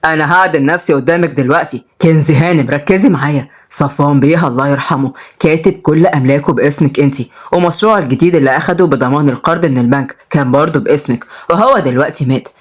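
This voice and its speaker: Brief: cold, composed male lawyer in a storybook, lowered voice, a woman voicing him. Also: husky. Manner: cool, measured, lowered voice. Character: calm, cold middle-aged male lawyer.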